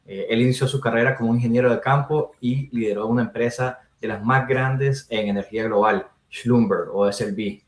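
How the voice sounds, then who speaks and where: A man's voice: medium pitch, fairly even intonation, moderate pace, hardly any pauses. A man hosting a podcast, leading the interview in an upbeat, casual way with many fillers. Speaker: podcast host. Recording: roomy echo.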